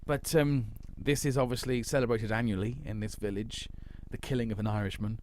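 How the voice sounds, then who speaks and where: A man's voice: medium pitch, steady tone, fairly quick, a little mellow, a little hiss or hum. A man of around forty, co-hosting a casual chat and telling stories in a wry, hesitant way with many ums. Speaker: podcast co-host.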